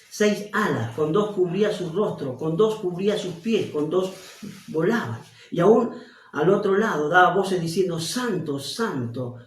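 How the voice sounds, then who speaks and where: Argentine pastor preaching from a distance. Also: male voice, high voice, a little mellow. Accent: Argentine Spanish. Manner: preaching, slows and swells on key phrases. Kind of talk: Bible study sermon. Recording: roomy, from a distance off mic.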